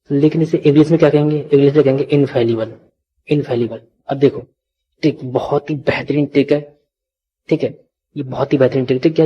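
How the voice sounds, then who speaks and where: A man's voice: medium pitch, slightly rough, lo-fi sound. Man teaching vocabulary, repeats himself. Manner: repetitive, asks and answers own questions. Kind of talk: vocabulary lesson.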